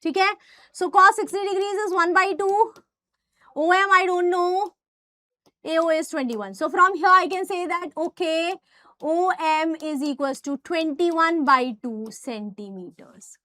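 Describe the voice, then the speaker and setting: Female maths teacher, North Indian accent, high-pitched, direct and emphatic classroom-style explaining, dry recording. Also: a little slow, pushed and bright, no room sound. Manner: emphatic, addresses students directly. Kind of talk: explanatory lesson with rhetorical questions.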